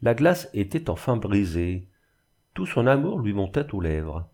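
A man giving a measured, expressive scripted narration of a classic novel as an audiobook reader. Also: fairly low pitch.

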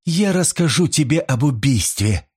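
Guy doing a scheming young woman in a storybook, cold and deliberate, voice pushed way up. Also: fairly high pitch, animated, darkish tone, husky, voice pushed up. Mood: coldly menacing.

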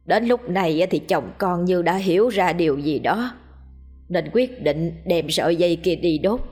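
A woman's voice: lowish voice, lively intonation, moderate pace, darkish tone, breathy edge, soft background music. A woman playing a grieving, pleading village wife. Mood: recounting. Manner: pleading, addresses elders humbly.

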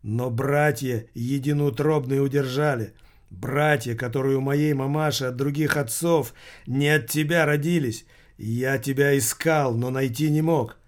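A man's voice: mid-range voice, fairly even intonation, measured pace, close to an everyday voice. A man voicing an irritated man who bluffs his way through a tense dinner. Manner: irritated, insistent.

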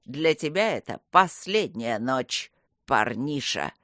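A woman voicing a rough male bandit leader with a deep, smoky bass voice and a bossy manner. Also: animated, slow, a bit bright, no room sound, clean studio sound, heavily acted. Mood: gruff threatening. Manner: gruff, bossy.

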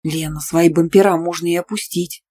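A woman voicing a sharp-tongued young female student friend in an audiobook, with hissed whispers and quick jabs. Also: fairly low pitch, fairly even intonation, breathy edge.

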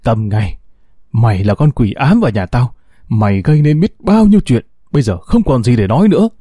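A man's voice: medium pitch, big pitch swings, brisk, dark tone, husky, no room sound, clean studio sound. A man voicing a stern aging company director and father. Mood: enraged.

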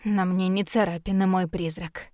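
A woman reading an audiobook, voicing a gentle, protective young mortal prince who speaks softly and soothingly. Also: fairly low pitch, fairly even intonation, a little slow, no room sound, studio quality. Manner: soft, soothing.

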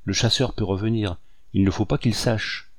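A man voicing a cunning, scheming older woman who speaks curtly and in a hushed tone, in a dry recording. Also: on the low side, fairly even intonation, moderate pace, no room sound, natural voice. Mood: warning. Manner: curt, sharp, hushed.

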